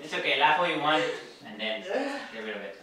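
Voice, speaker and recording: A man's voice: fairly high pitch, huge pitch swings, a little fast, bright, forceful tone. Laughing young guy directing a homemade skit. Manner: bossy, swears, breaks into laughter. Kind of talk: directing an amateur comedy skit. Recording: echoey room, distant mic, noisy.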